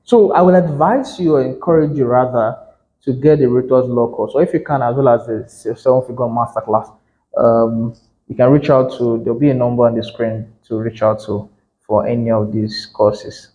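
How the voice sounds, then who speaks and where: A man's voice: medium pitch, fairly even intonation, moderate pace, lo-fi sound. A man giving a lecture on real estate law to realtors, conversational and emphatic, often correcting himself mid-sentence.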